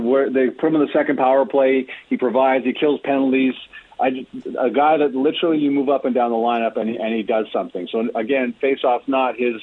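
A man with a medium-pitched voice and no echo talks through hockey analysis conversationally as a guest on the radio, often restarting phrases as he goes. He is a hockey team reporter and podcaster. The audio has a dull, lo-fi call-in radio quality.

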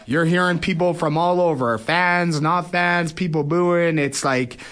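A professional boxer appears as a guest in a casual interview, speaking a little slowly in a slightly high, fairly bright voice. His talk is conversational, and he often tags phrases with "you know" and "right?".

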